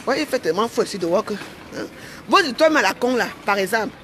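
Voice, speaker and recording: A woman's voice: on the high side, animated, fast talker, a bit bright. This is a woman with a Cameroonian French accent, venting to her followers in an angry vlog. She talks in an indignant, repetitive way, punching her points with "hein". A light background hiss sits beneath her voice. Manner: indignant, repeats herself, ends phrases with "hein". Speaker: vlogger. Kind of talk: heated rant to camera.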